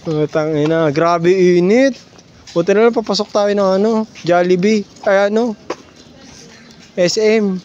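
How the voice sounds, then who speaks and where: A man's voice: high-pitched, unhurried, darkish tone, highs cut off. A man chatting casually while walking the streets, joking, laughing and swearing a lot. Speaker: vlog companion. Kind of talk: casual chat. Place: outdoors on city streets. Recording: noisy street recording.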